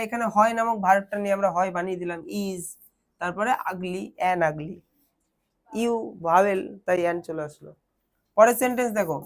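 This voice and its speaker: A young woman teaches children translation, patiently asking questions and answering them herself. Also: medium pitch. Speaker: tutor.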